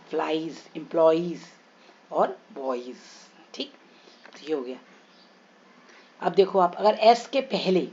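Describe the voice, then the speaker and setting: A woman teaching English pronunciation, slowly stretching and repeating sounds and words for her students. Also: lowish voice, a little mellow. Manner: slow, drawn-out repetition of sounds and words. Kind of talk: explanatory pronunciation lesson. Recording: slightly dull lo-fi recording.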